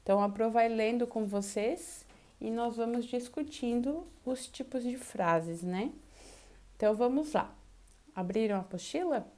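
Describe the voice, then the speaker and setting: A woman teacher with a Brazilian accent giving an online language class, explaining slowly and raising her voice into questions to demonstrate intonation. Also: fairly high pitch, dark tone. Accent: Brazilian Portuguese. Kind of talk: online Portuguese class lesson.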